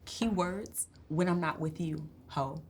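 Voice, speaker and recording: A woman's voice: low-pitched, slow pace, darkish tone, husky, heavily acted. A woman playing a blunt, sarcastic young podcaster who swears freely. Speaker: podcast co-host. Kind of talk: comedy sketch.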